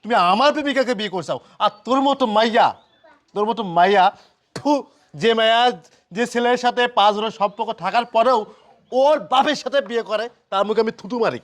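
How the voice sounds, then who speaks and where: Jilted young son played by a man, accusing and wailing, high and rapid, Bangladeshi colloquial accent. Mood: indignant. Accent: Bangladeshi colloquial Bengali.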